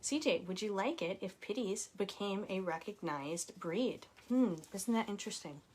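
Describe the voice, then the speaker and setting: This husky, medium-pitched woman speaks at a moderate pace with lively intonation on a low-quality recording. She's an author in her forties running a relaxed live chat from home, warmly reading out viewers' comments and laughing a lot.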